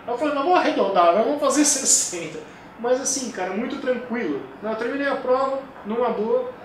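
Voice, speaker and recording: A man's voice: extremely high pitch, a little fast. A man in his forties, a kettlebell sport coach, telling stories animatedly in a casual interview, recorded far from the mic in an echoey room with background noise. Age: 40s. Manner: animated storytelling, acts out quoted voices.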